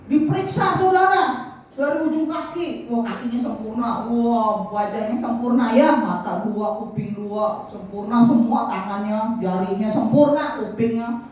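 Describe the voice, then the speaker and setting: A woman pastor telling a lively story in a sermon and speaking directly to the congregation. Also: a little high, unhurried, a little hiss or hum. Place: large church hall. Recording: echoey church hall from far off.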